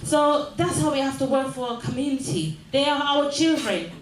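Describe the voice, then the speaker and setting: The speaker is a Jamaican-born older woman and mayor, addressing the community earnestly in a large room at the mayor's office. Her high voice is animated and moderately paced, with a little hiss or hum, in an echoey space with faint ambience; she repeats phrases and asks the crowd "yes?".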